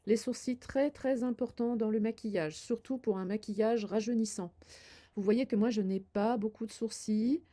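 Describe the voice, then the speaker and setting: Speaking at a normal speed in a warm, steady voice on the high side, an older woman demonstrates her makeup. This beauty vlogger offers viewers kindly but uncertain guidance, leaning heavily on fillers while she works.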